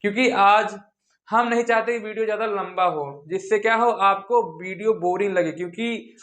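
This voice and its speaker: A man teaching English reading rules at a whiteboard, asking questions and repeating each word slowly for the class. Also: high voice, a bit bright. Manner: drills with call-and-response questions, repeats words slowly. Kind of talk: whiteboard phonics lesson.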